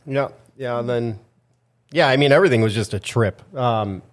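A man's voice: mid-range voice, moderate pace. A man co-hosting a casual movie chat in a studio, rambling with lots of fillers. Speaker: podcast co-host.

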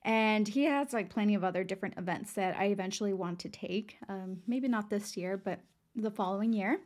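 A young woman from San Antonio, Texas, hosts a casual motivational podcast, speaking straight to her listeners in a chatty, upbeat way. Her mid-range voice sounds raspy and worn.

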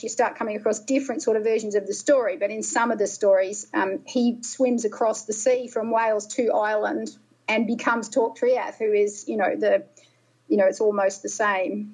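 A woman's voice: on the high side, darkish tone, husky, poor audio. A middle-aged woman guest chatting casually on a podcast, rambling with many fillers and restarts. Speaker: guest musician.

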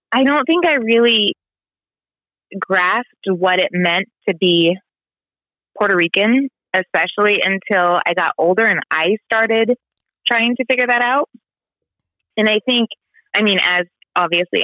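A guest in her 30s from the American Midwest talks candidly in a casual personal conversation, full of "like" and "you know." Her mid-range voice is fairly bright, with no room sound, though the audio quality is poor.

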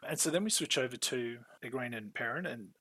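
A man riffs through a casual recap, animated, swearing and laughing often. His voice is bright and a little husky, with a dry, close sound. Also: mid-range voice, a little fast, no room sound. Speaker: podcast co-host, show newcomer.

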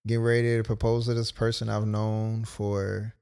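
A man's voice: lowish voice, monotone, normal speed, creaky, darkish tone, clean tone. A young man casually telling a personal story as a podcast co-host, loose and full of quoted asides. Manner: laid-back, storytelling with many "like"s and quoted asides.

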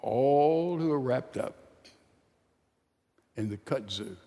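Dramatic preacher swinging from loud to hushed. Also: male voice, mid-range voice, lively intonation. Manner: swings from loud declaring to hushed, drawn-out phrases. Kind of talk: dramatic sermon storytelling. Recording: long reverb of a large hall.

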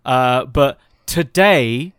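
A man's voice: medium pitch, extremely slow, clean tone, no room sound, studio quality. A man narrating as game master of an improvised office role-play, wry and a little hesitant.

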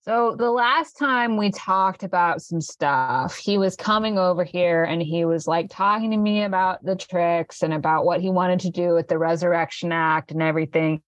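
A man's voice: high-pitched, moderate pace, few pauses, fairly bright tone, dry recording. A woman voicing a laid-back male stoner who rambles on with lots of fillers in a tabletop role-play. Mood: rambling.

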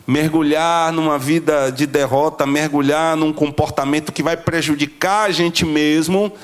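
Impassioned man preaching, higher voice. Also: fairly even intonation. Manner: emotional, rising to high emphatic peaks then dropping low and slow. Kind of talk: sermon.

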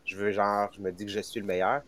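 Earnest man, low voice. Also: little pitch movement, quick pace, a bit bright. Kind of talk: casual podcast chat.

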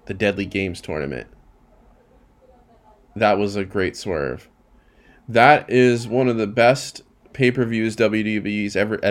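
A man co-hosting a casual wrestling podcast, giving opinions with hesitant restarts. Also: on the low side. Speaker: podcast co-host.

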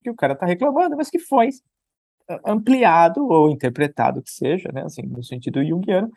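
A man with a Brazilian accent, a Jungian analyst co-hosting a podcast, talking casually with relaxed fillers and laughs. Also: on the high side, a little fast, gravelly, breathy edge, dry recording, clean studio sound. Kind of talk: casual chat.

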